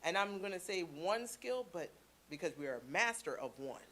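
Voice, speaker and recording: A woman's voice: on the low side, expressive, normal speed, fairly bright tone, a little hiss or hum. Chatty woman preaching to a congregation. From Canada. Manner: chatty storytelling with playful asides. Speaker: church speaker. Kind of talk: lively sermon talk to a congregation.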